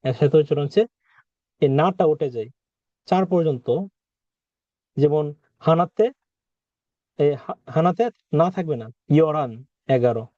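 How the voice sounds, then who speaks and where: A man's voice: on the high side, normal speed, long pauses, no echo, lo-fi sound. A man teaching a vocabulary lesson, patiently repeating words and quizzing the listener. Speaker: Korean language teacher.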